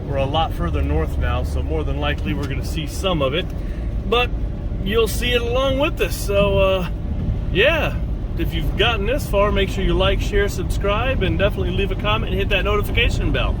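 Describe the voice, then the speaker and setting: A man's voice: sits high, brisk. A man casually narrating a vlog to viewers in loose fragments while he drives. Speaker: vlogger filming a storm chase while driving. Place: inside a moving car. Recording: loud vehicle and wind noise.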